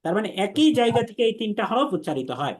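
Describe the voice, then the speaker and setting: A man's voice: high voice, very animated. Patient male Arabic-letters teacher. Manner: patient, repeats letter sounds slowly and drills the class. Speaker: Quran teacher. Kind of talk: online class instruction.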